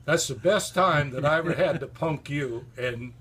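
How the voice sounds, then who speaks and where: Here a husky, slightly bright male voice sits fairly high and moves at normal speed. It belongs to an older man who rambles through homespun anecdotes about an old friend, casually recommending the friend's books along the way.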